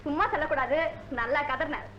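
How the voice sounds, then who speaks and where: A woman playing a quick-witted young tenant. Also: high-pitched, fairly even intonation, reverberant, muffled recording, slight background noise, close to an everyday voice. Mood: persuasive. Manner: persuasive, fast-talking, managing. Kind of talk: 1970s film comedy acting.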